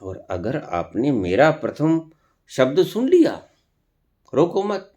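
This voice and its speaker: A man giving a spiritual discourse as a teacher, speaking deliberately with long pauses and sometimes scolding his listeners with rhetorical questions. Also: mid-range voice, huge pitch swings, mellow.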